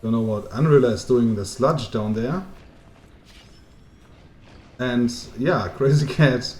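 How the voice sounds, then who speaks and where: A man with a German accent commentating a live strategy game as caster, chatty and joking, lifting into excitement on the action. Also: mid-range voice, slow, roomy sound. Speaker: esports caster.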